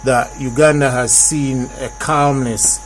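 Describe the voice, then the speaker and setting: A man's voice: medium pitch, steady tone, slow pace, slight background noise. A man hosting a casual group discussion, often repeating and rephrasing his points for emphasis. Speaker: host.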